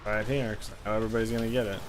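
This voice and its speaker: A man's voice: fairly low pitch, level tone, racing, background noise. A man streaming an online game, casually commenting as he plays, swearing freely and grumbling about his teammates.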